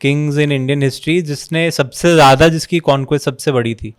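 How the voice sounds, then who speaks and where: A man's voice: on the high side, steady tone, moderate pace, clear, resonant tone. A man hosting a podcast interview, who asks short questions, mixes English into his Hindi, and keeps up frequent listening sounds. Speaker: podcast host.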